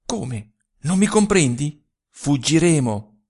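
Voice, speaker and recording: A man's voice: fairly high pitch, very animated, takes it slowly, a little mellow, breathy edge, voice pushed up, full character voice. A man voicing a bold, defiant young peasant. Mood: urgent. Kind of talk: audiobook character reading.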